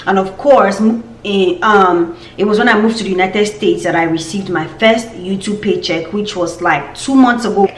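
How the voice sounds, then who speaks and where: A woman's voice: medium pitch, normal speed, reverberant. Chatty Nigerian woman vlogging. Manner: chatty, laughing often, repeats words. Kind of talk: casual vlog update.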